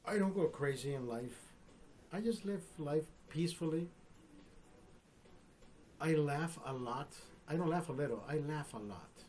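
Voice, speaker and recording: Fifty-something guy on a live stream, swearing a ton, laughing, keeps saying bro, voice a bit high, faint hum behind. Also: animated, unhurried, pauses often, darkish tone. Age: 50s. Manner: profane and loose, peppered with "bro" and "right?"; laughs often between lines. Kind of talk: casual live stream chat, telling a joke.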